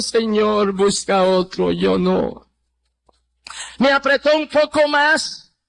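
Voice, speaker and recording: Older preacher, real high voice, slow and drawn out, impassioned. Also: male voice, fairly bright tone, dry recording. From Puerto Rico. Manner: impassioned, slow and drawn out, dropping low on quoted replies. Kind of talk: testimony sermon.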